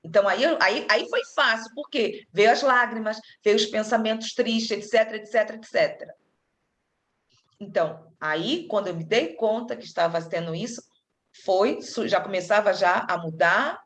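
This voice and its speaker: A woman's voice: medium pitch, fairly bright tone, reverberant. A woman leading a spiritist study group, explaining patiently with fillers and restarts.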